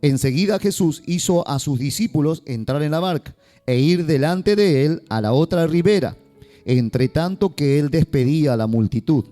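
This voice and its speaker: Male pastor, warm lively sermon delivery, faint guitar underneath. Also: fairly high pitch, moderate pace. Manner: lively, joking asides to the congregation.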